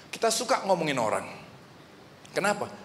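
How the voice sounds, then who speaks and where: High-voiced preacher in an echoey church hall. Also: male voice, moderate pace, a little hiss or hum. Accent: Indonesian. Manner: animated preaching, asks the congregation questions. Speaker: pastor. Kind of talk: sermon. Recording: echoey hall reverb, faint ambience.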